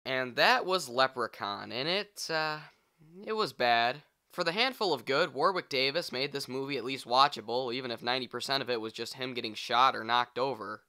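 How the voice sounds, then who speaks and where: A man delivers a scripted film review with blunt sarcasm and casual swearing. His voice is bright and crisp, sitting at an average pitch. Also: moderate pace. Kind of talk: scripted comedic review narration.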